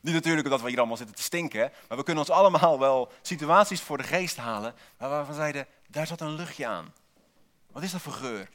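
A man's voice: on the high side, fairly bright tone. Man preaching a sermon, repeating key words. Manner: builds points with repeated single words and rhetorical questions; wry asides to the congregation.

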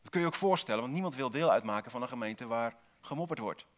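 A man's voice: medium pitch, lively intonation, quick pace. A man preaching a sermon in a church, posing rhetorical questions and repeating single key words for emphasis, with dry asides to the congregation.

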